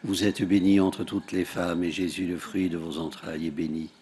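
Outdoors at a large rock grotto, a deep-voiced man leads the rosary, reciting the prayers in a steady, measured way with lines that fall at the end. The recording is very noisy.

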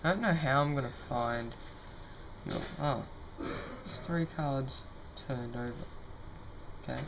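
Young male amateur magician, informal and self-deprecating, medium pitch, noisy home recording with card shuffling. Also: slow. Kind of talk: casual demonstration to camera. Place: indoors at a table.

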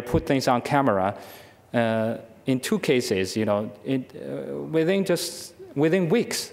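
Male speaker, halting conference Q&A answer, podium mic, long hall reverb. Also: mid-range voice, darkish tone. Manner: halting, many restarts and fillers. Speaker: keynote speaker answering questions. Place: large lecture hall. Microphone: podium microphone, far camera.

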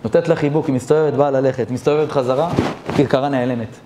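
A man, a rabbi, telling a story in a sermon, animated and talking directly to his listeners. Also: mid-range voice, background noise.

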